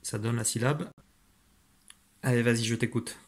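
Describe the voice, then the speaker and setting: A man gives a phonics lesson to young children. He talks patiently and kindly, slows down to sound out each letter and syllable, and cheers the child on after each answer. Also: medium pitch, steady tone. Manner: encouraging, praises the listener. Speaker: teacher.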